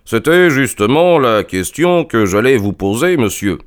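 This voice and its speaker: A man's voice: medium pitch, sing-song, a little slow, clean tone, voice pushed up. A man voicing a self-assured, ironic male detective in an audiobook, courteous and dry. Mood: polite. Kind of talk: audiobook character reading.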